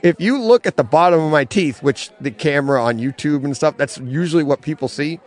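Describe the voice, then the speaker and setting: A middle-aged man co-hosting a casual podcast from a comic bookstore, telling an animated story and laughing often. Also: a little high, fairly quick, some chatter behind. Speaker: podcast co-host.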